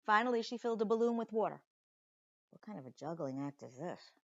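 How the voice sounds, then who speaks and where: Like a teacher, a woman reads a children's story aloud with expression, using deliberate dramatic pauses and chatty asides to her young listeners. Her medium-pitched voice is animated. The recording is dry and lo-fi.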